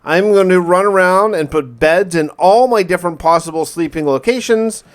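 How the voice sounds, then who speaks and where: This gamer's voice sits high and sounds smooth, moving at a moderate pace. He narrates his survival challenge diary-style, mixing casual delivery with drama and wry asides.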